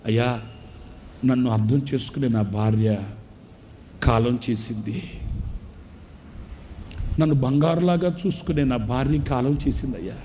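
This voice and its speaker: A man's voice: medium pitch, measured pace, pauses often, dark tone, slight background noise, close to an everyday voice. A man doing a weeping, starving old man. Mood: tearful pleading. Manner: weeping, begging, trembling voice. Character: starving elderly retired man, tearful and pleading.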